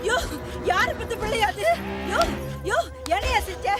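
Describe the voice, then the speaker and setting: An actress playing a middle-aged mother who laments and pleads for quiet. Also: very high-pitched, normal speed, over loud music, over a noisy crowd. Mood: lamenting. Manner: lamenting, wailing.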